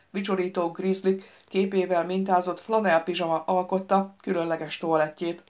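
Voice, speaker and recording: Woman narrating a lively audiobook. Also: fairly low pitch. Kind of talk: scripted narration.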